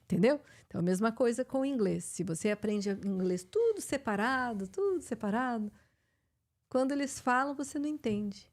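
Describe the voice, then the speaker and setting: A woman's voice: a little high, expressive, moderate pace, a little mellow. A middle-aged woman with a Brazilian Portuguese accent, an English teacher hosting a live chat and explaining with many fillers and restarts.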